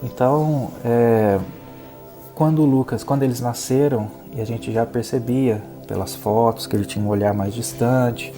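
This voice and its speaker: A man from Brazil with a Brazilian Portuguese accent, giving a spiritist lecture and telling a personal story in an earnest, reflective way, halting with many fillers. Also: medium pitch, steady tone, music in the background. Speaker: guest speaker at a spiritist center.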